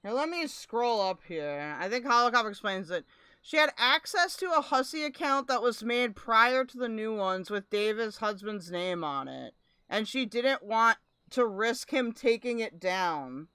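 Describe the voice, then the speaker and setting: A woman's voice: fairly high pitch, expressive, unhurried, pushed and bright, clean tone, no room sound. A woman streamer giving casual live commentary and reading chat comments aloud. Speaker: streamer reacting to a recording.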